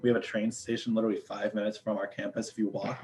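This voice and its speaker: A man's voice: fairly low pitch, little pitch movement, fast talker, a little mellow, a little hiss or hum, poor audio. A young man, a student ambassador chatting casually with lots of fillers and jokes. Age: young adult. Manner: chatty, filler-heavy, joking. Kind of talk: casual chat.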